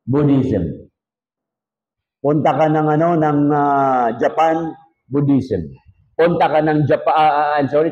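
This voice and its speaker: A Filipino-accented man teaches his congregation in pastor-style sermon fashion, dropping joking asides and rhetorical questions. His slightly mellow voice sits a little high for a man, and the recording is dull and lo-fi.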